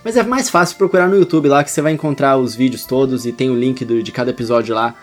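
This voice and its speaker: A man's voice: mid-range voice, quick pace, faint music behind. A Brazilian man talking casually as a guest on a podcast.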